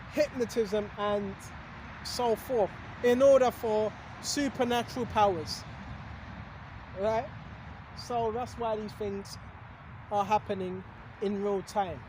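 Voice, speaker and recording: A man's voice: very high voice, a little mellow, a little hiss or hum. A man giving a rambling casual sermon to his video audience, full of rhetorical questions and repeated "right?", hiccuping now and then. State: has hiccups. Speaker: religious video host. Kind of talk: casual preaching monologue.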